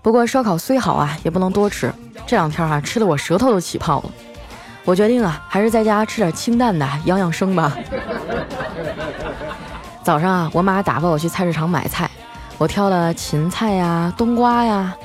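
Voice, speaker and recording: A woman's voice: on the low side, a crowd in the background. A woman host, telling funny everyday stories in a chatty way, drawing out the particles at the ends of phrases. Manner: chatty, drawn-out sentence-final particles. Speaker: streaming host. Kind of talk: comic storytelling monologue. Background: background music.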